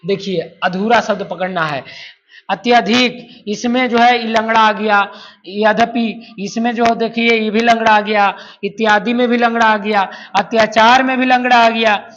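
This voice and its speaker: A man's voice: high voice, fairly even intonation, measured pace, fairly bright tone. A man teaches a grammar lesson, repeating syllables again and again and answering his own questions as he goes. The recording has a dull, lo-fi sound. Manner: repetitive, drills sounds aloud, asks and answers himself. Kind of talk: classroom-style lesson.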